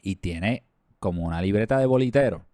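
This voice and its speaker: Teasing man, lowish voice. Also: lively intonation, a little fast, dark tone. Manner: teasing, joking banter. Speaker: podcast co-host. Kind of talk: casual sports podcast chat.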